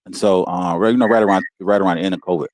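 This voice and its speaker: Deep-voiced American man, dry sound. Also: steady tone, rapid-fire, darkish tone, no echo. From United States. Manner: informal, heartfelt, peppers speech with "man" and "you know what I'm saying". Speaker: guest. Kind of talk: casual personal storytelling.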